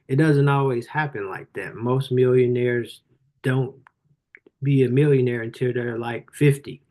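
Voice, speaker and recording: A man in his forties talks to a live audience about his book at an even, middling pitch. His delivery is casual and earnest, encouraging listeners with lots of "you know" and "um". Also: unhurried. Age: 40s. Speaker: author and life coach hosting a live book review. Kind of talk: motivational talk on a livestream.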